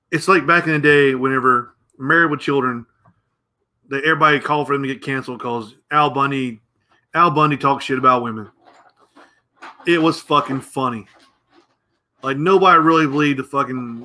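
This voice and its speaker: A man's voice: medium pitch, normal speed, pauses often, sharp tone. A middle-aged American man hosting a show, ranting bluntly and profanely and rambling as he goes. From United States. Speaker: podcast host. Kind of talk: opinionated rant.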